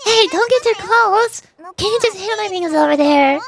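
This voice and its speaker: This woman streamer's voice is very high-pitched, creaky and animated at a normal speed as she gives casual, playful, chatty commentary on a video game. She adds silly sound effects, and game music plays while a crowd can be heard in the background.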